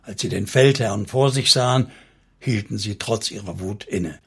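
A man narrating an audiobook in a calm, steady way. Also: fairly low pitch, normal speed, husky. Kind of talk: audiobook reading.

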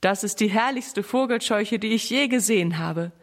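A woman reads the part of an old grandfather, caring but brisk with the children, in a storybook read in her own everyday voice. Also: mid-range voice, close to an everyday voice. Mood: kindly. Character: kindly grandfather, caring and gruff.

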